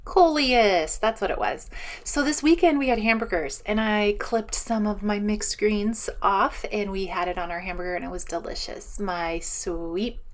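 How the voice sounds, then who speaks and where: A woman with a medium-pitched voice gives an outdoor garden tour at a moderate pace. She's casual and enthusiastic, rambling and thinking aloud like a vlogger narrating a chatty walk-around.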